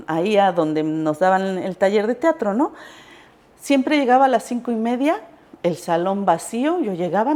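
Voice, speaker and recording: A woman's voice: medium pitch, darkish tone. A woman telling a personal story casually, animatedly acting out the voices she quotes. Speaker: recipe vlogger.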